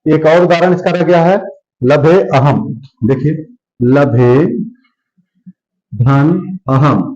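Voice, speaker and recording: A man's voice: fairly high pitch, steady tone, slow pace, a little mellow, muffled recording. A male teacher giving a grammar lesson, who repeats words and asks and answers his own questions.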